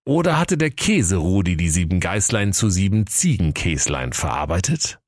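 A man's voice: low-pitched, very animated, moderate pace, no room sound. A man narrating a comic fairy tale in a dry, playful storytelling manner.

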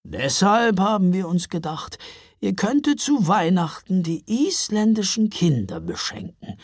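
A woman voicing a calm, friendly old Father Frost in a storybook reading, speaking slowly and gently. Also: medium pitch, husky, no echo, clean studio sound, pitched above the performer's own voice. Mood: kindly. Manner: slow, friendly.

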